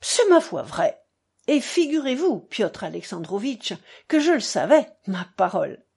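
A woman's voice: medium pitch, unhurried, gravelly, slightly rough, exaggerated voice. A woman voicing a buffoonish, fawning aging man in an audiobook reading, talking theatrically and mocking himself. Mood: excited, clowning. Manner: theatrical, self-mocking, excitable.

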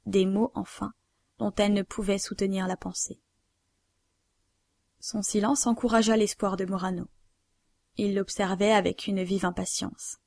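A woman narrating a novel aloud in a measured, even way. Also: medium pitch, vocal fry, dry recording. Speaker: audiobook narrator.

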